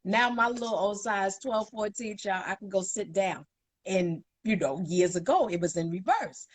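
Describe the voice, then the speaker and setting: A woman's voice: medium pitch, normal speed, breathy edge, dry recording. A woman in her forties from Brooklyn with a Brooklyn accent, a model guest chatting in a sassy, emphatic, playful way. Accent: Brooklyn New York. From Bed-Stuy, Brooklyn, USA. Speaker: guest, plus-size model. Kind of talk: casual interview chat.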